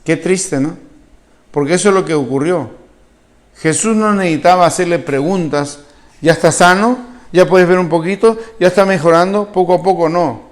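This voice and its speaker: A man's voice: sits high, moderate pace. A man with a Venezuelan accent preaching a sermon as pastor. He tells the story with animation, asks the congregation questions and acts out the people in it. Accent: Venezuelan Spanish. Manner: acts out the quoted speakers with a shifting voice.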